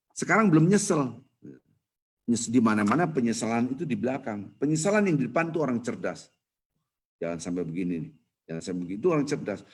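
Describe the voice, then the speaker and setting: A man delivers a relaxed morning lecture in a mosque, his voice low-pitched and slightly husky. He talks casually, teasing his listeners, then suddenly rises and gets louder to stress a point. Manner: lively, conversational, jokes and sudden loud emphasis. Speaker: preacher.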